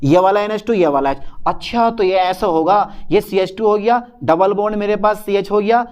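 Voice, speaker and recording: A man's voice: high voice, normal speed, darkish tone, clear, resonant tone. A young man lecturing on chemistry at a whiteboard, talking to his students and answering his own questions in a student's voice. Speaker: chemistry teacher.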